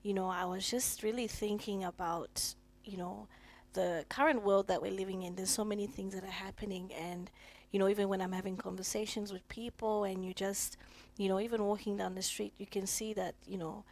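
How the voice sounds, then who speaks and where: A woman's voice: medium pitch, level tone, fairly quick, a little mellow. A woman from Zimbabwe, a guest artist, answering interview questions conversationally with many filler phrases. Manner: conversational, with frequent you know fillers.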